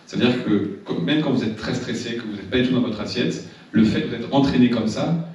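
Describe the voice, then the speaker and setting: French trainer in an echoey room. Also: male voice, mid-range voice, a little fast, a little mellow. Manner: many repeated words and restarts. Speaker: public speaking trainer. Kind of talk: seminar talk to a live audience. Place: seminar room. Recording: echoey room, distant mic, dull sound.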